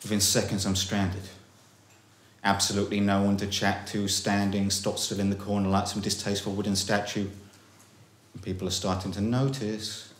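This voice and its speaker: A young man performing a comic, self-mocking spoken-word story at a small live gig, dropping to low mutters and rising to panicky highs. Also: monotone, moderate pace. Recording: roomy live room.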